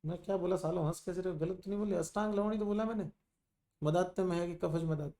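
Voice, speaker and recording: A man's voice: high voice, fast, dark tone. A middle-aged male teacher lecturing a class on ayurveda, teasing and scolding students while mixing in English terms.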